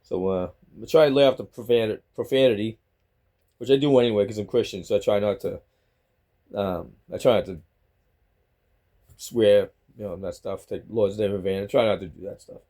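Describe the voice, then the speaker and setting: This vlogger, a middle-aged Bostonian, speaks at normal speed in a lowish, warm voice broken by long pauses. Filming himself at home on a phone mounted to a selfie stick, he chats aimlessly to camera and keeps saying the same things again.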